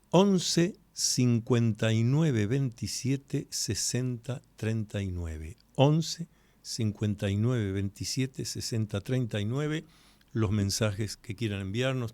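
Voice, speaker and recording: A man hosting a live radio talk show, explaining ideas to listeners and repeating key points slowly. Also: medium pitch, a little mellow, no echo. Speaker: radio host. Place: radio studio. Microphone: studio microphone.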